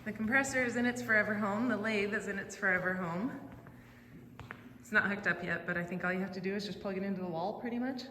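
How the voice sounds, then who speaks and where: A woman talks casually as a vlog host, chatty and informal as she thinks out loud. Her voice echoes through a large workshop with long reverb, and clear background noise sits behind her. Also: medium pitch, fast talker. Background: loud ambient noise.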